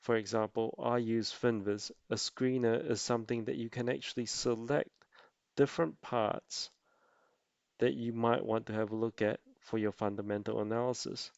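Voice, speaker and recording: Gravelly man explaining in a tutorial, muffled sound. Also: mid-range voice, level tone, normal speed, a little mellow, no room sound. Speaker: amateur investor presenting a tutorial. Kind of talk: explanatory investing tutorial voice-over.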